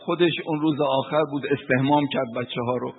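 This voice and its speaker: A man's voice: mid-range voice, fairly even intonation, husky. A man delivering a mournful sermon, telling a grieving story and reciting Arabic passages. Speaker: preacher. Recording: tinny phone-like broadcast.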